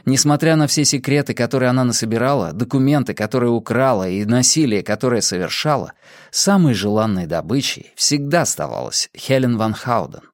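A man reading an audiobook in measured scripted narration. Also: mid-range voice, lively intonation, dry recording, clean studio sound. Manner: measured storytelling.

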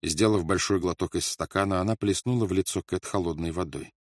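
Grave male narrator, low register, dry close recording. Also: brisk, dry recording. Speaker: audiobook narrator. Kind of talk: dramatic audiobook narration.

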